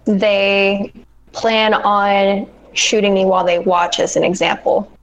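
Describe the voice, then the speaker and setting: A woman's voice: medium pitch, steady tone, slow pace, muffled recording, a little hiss or hum. A woman playing a tabletop game over voice chat, planning her move aloud. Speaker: player.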